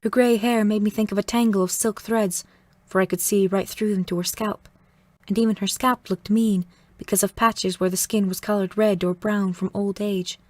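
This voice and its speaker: Audiobook narrator, woman, measured first-person storytelling, mid-pitched, dry booth sound. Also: steady tone, a little mellow, dry recording.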